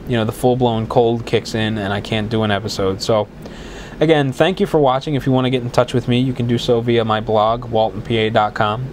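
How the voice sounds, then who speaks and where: On his own podcast, a man with a mid-range voice talks casually and wanders, stopping to restart and filling gaps often. He sounds congested from a cold, his voice a little worn, over a little hiss or hum.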